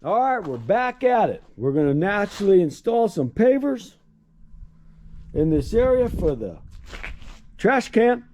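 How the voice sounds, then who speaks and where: A man's voice: high voice, big pitch swings, a little slow, pauses often, darkish tone. A man hosting a casual on-site how-to, talking loosely as he works in a backyard and often saying "pretty much" and "okay?". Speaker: contractor host. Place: outdoor backyard work site.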